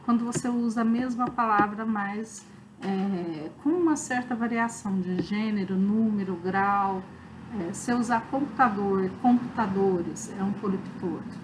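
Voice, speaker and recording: A woman's voice: medium pitch, measured pace, noisy background. A woman with a Brazilian Portuguese accent giving an online review lecture as a literature teacher. She explains step by step and often checks in with "né?" and "tá?". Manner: explanatory, many fillers like "né?" and "tá?".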